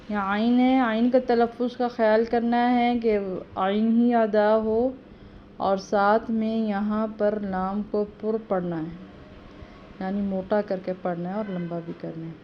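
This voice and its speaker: Woman teaching prayer recitation, slow chants. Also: mid-range voice. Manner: alternates slow drawn-out recitation with quick quiet explanation. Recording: slightly dull audio with faint background noise.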